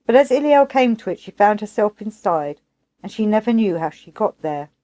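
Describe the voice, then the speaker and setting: A woman narrating an audiobook of a classic novel in a measured, unhurried way. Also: medium pitch, lively intonation, mellow.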